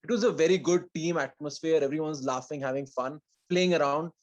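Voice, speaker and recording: A man speaks in educated Indian English, with a voice pitched a little higher than most men's. He talks like an interview guest telling his own story, conversational and modest. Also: a little fast, lo-fi sound. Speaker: podcast guest, martial arts athlete. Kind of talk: interview answers, casual personal storytelling.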